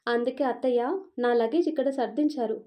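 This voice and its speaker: A woman's voice: on the high side, steady tone, a little fast, mellow, lightly acted. A woman voicing a cheeky, quarrelsome young bride in a storybook reading. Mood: sassy. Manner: sassy, retorting. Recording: dull lo-fi recording.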